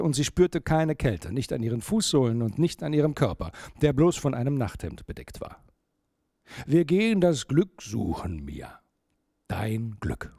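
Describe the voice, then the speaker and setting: A man reading a storybook aloud, with a lively melody that rises and falls through each sentence. His voice sits at a medium pitch and the sound is close and dry, with no room echo. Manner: expressive, varied storytelling delivery. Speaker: story reader. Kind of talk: expressive storybook narration.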